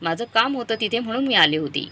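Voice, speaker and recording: A woman's voice: mid-range voice, animated, fairly quick, sharp tone. A woman voicing an upset middle-aged wife and mother who pleads with and confronts her husband. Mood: upset pleading.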